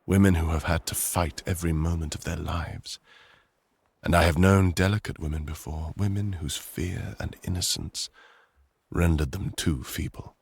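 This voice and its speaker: A man with a deep, gravelly, slightly mellow voice plays a proud, possessive conqueror king in boyfriend roleplay audio. The lines are slow, formal and measured with fairly even intonation, heavily acted, and low and admiring in mood. The recording is dry.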